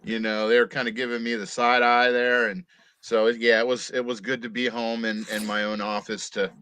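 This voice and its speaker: Easygoing bright-toned sports co-host man. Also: mid-range voice, level tone, normal speed, clear, resonant tone, no room sound. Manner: easygoing, hesitant, many fillers and laughs. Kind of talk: casual sports talk. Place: home office.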